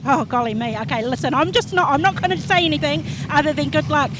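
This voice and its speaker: A woman's voice: sits high, fast. A woman with a New Zealand accent, chatty and encouraging as she interviews drivers live as a trackside reporter. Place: outdoors in rain at a speedway. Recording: noisy outdoor speedway with vehicles.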